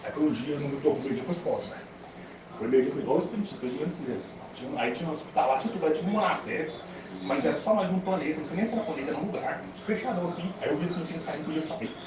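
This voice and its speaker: A young man with a Brazilian accent telling a dream story casually, slangy and excitable, laughing as he goes. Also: on the high side, racing. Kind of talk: casual rambling anecdote. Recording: echoey lo-fi phone recording from far off with noise.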